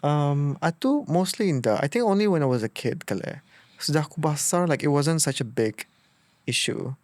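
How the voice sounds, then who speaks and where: A man in his thirties with a Bruneian accent, a podcast host who is being interviewed here, tells personal stories in a casual, animated way, often acting out what he was thinking at the time. His pitch is fairly high, his pace normal, and there's no room sound.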